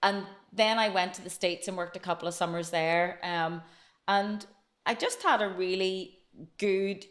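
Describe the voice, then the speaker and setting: On a relaxed podcast, a Northern Irish woman in her late 40s chats freely as an interview guest about her life. She speaks unhurriedly in a mid-range, steady voice that is a bit bright.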